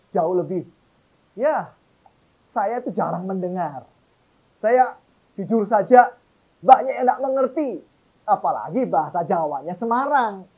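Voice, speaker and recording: Emphatic husky-voiced man preaching. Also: a little high, low-quality recording. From Surabaya, East Java. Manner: animated, emphatic, addresses the congregation often. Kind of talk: sermon.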